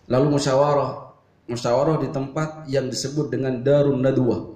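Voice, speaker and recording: A male preacher delivers a sermon, storytelling with lively humor. His voice sits at an ordinary middle pitch. The hall around him rings with a roomy echo. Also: normal speed. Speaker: Islamic preacher. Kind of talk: Islamic sermon to a congregation.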